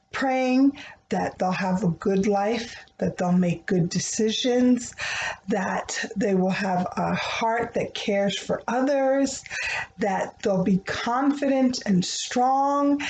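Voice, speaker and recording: A woman with a mid-range, slightly mellow voice reads a rhyming picture book aloud expressively to young children as host, then speaks to them gently, tenderly and earnestly. The room sounds dull and echoey, with faint noise.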